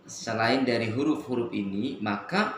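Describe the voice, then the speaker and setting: A man teaching Quran recitation on the radio, slowly drawing out Arabic letter sounds as he demonstrates them. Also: mid-range voice, roomy sound, a little hiss or hum. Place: radio studio.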